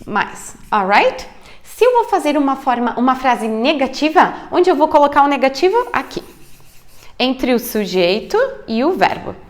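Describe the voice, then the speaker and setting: A Brazilian woman teaching English grammar in Portuguese, checking in often with "ok" and "alright" and slowly modeling English words. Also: sits high. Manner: lively, frequent English check-ins like ok and alright; drawn-out, slowed model pronunciations. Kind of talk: grammar lesson video.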